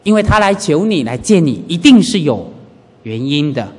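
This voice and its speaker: A man, a Buddhist monk, giving a lively dharma lecture and acting out everyday scenes. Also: a little high, normal speed, slightly rough. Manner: animated, urges listeners to pay attention, acts out everyday scenes. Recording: reverberant hall.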